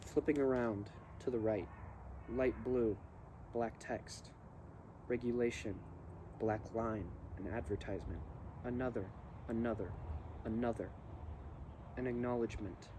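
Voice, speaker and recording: A man reading poems aloud and musing on them in halting short phrases while he smokes a cigar. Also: mid-range voice, steady tone. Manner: smoking a cigar while talking. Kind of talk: slow, musing poetry reading with casual asides. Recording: faint ambient background noise.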